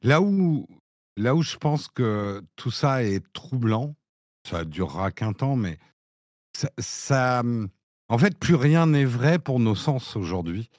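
A man's voice: mid-range voice, sing-song, takes it slowly, a little mellow, no room sound, studio quality. A man on a tech podcast panel, musing and joking about the future. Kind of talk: casual tech chat.

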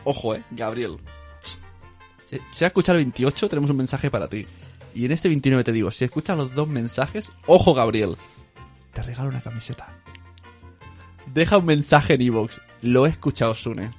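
A man co-hosting a podcast in casual banter, jokey and quick at reading out lists. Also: mid-range voice, lively intonation, darkish tone, breathy edge, soft background music. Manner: jokey, rapid list-reading, bursts of laughter. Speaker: podcast co-host.

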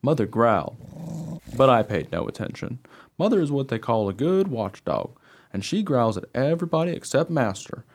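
A man with a medium-pitched voice and a moderate pace plays a dog recounting his life in radio play narration. The character comes across as friendly, chatty, and young at heart, telling his story earnestly, excitably, and naively, with a wry, reflective feel.

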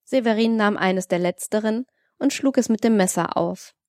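A woman narrating a literary audiobook in a measured, even reading. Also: mid-range voice, dry recording, studio quality.

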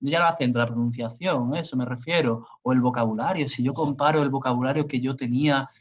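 A man's voice: medium pitch, fast. A man from Spain, a university professor, talking emphatically as an interview guest and repeating words for stress. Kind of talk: conversational interview. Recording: dull lo-fi audio.

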